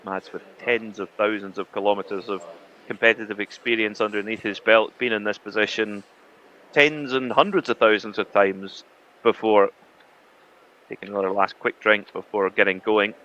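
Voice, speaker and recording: A man's voice: fairly low pitch, steady tone, moderate pace, highs cut off. A man commentating live on a rally, talking in an easygoing, chatty way with filler words.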